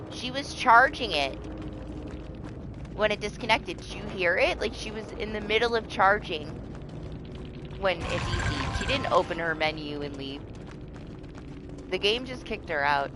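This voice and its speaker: Amid background noise, a woman with a fairly low voice chats casually during her gameplay on a live stream. She sounds sniffly and congested and swears now and then.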